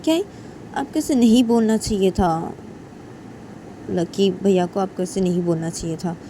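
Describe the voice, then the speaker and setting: A woman's voice: mid-range voice, normal speed, warm tone, slight background noise, lightly acted. A woman voicing a young woman who insistently scolds her elder sister in a storybook romance. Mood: reproachful. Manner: insistent, reproachful.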